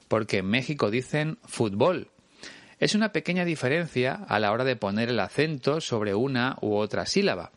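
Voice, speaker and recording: A male teacher with a Spain Spanish accent gives an explanatory language lesson, patient and clear as he addresses the listener directly. His voice is at an ordinary middle pitch and a bit bright. The sound is dry and close, with no room around it and no echo.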